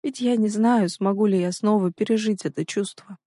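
A woman's voice: on the low side, expressive, normal speed, a little mellow, no room sound. A reader voicing a stubborn, hurt young woman in a storybook reading, pleading and emotional, in a dry recording. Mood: tearful.

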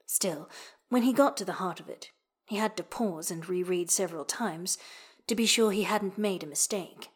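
A woman reading a novel aloud as the narrator, in steady storytelling narration that drops low and hushed at phrase ends. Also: normal speed, breathy edge. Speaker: audiobook narrator. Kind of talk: scripted narration.

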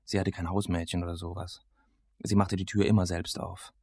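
A man narrating an audiobook in a casual, sardonic first-person voice. His voice is very low, with gravel and a husky edge. The sound is dry and close. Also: little pitch movement, brisk, a little mellow, dry recording. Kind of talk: first-person novel reading.

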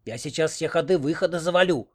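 A man's voice: a little high, fast, a little mellow, pitched above the performer's own voice, lightly acted. A man doing a sly, grumbling old village granny. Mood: fierce. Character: crafty scheming old village grandmother.

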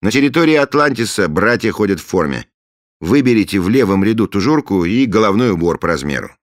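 Pushing his fairly low voice upward, a man plays the grandiose, pompous middle-aged head of a secret order in an audiobook. He is brisk and very animated, moving from solemn, imperious pronouncements to loud heartiness, captured in dry, clean studio sound.

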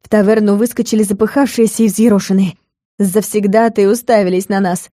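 A woman reading a first-person fantasy audiobook in a lively storyteller manner, putting on voices for the characters. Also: mid-range voice, a little fast, no echo, clean studio sound. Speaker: audiobook reader.

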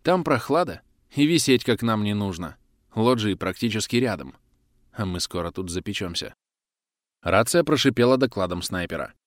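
A man's voice: fairly low pitch, lively intonation, normal speed, dry recording. A man reading a first-person action story aloud with dramatic storytelling on a close mic. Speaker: audiobook narrator. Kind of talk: first-person audiobook narration.

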